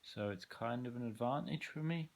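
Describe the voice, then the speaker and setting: A man's voice: medium pitch, moderate pace, gravelly, heavy background noise. A man casually walking through his effects pedals, rambling with frequent ums and blunt opinions. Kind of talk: casual gear walkthrough.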